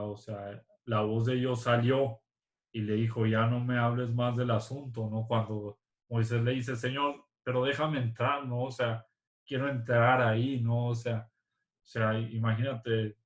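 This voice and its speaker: Slow, flat-voiced preacher man. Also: medium pitch, roomy sound. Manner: halting, repeats words, tags lines with "¿va?". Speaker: church speaker. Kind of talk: informal sermon.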